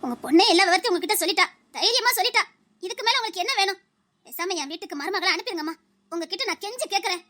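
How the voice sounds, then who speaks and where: A woman's voice: extremely high pitch, expressive, pushed and bright, voice pushed down, full character voice. A woman voicing a determined middle-aged mother-in-law in a cartoon. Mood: firm. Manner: firm, quick.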